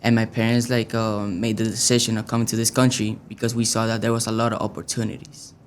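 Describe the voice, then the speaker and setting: A man's voice: lowish voice, monotone, fast, a little hiss or hum. A young man from Venezuela answering interview questions in a hesitant, casual way with many fillers. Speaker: youth soccer player, guest.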